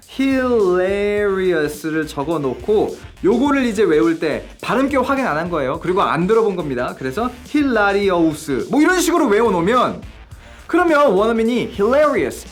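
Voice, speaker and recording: Lively English teacher explaining to viewers. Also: mid-range voice. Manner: explains step by step, poses questions to viewers. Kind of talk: video English lesson.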